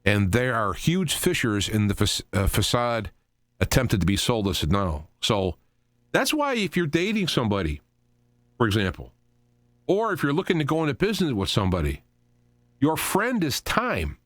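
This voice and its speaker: A man hosts a talk radio show by himself, speaking off the cuff in a halting, rambling way and often repeating or restarting phrases. His mid-range voice swoops wildly in pitch and has a fairly bright tone, recorded at studio quality with no room sound.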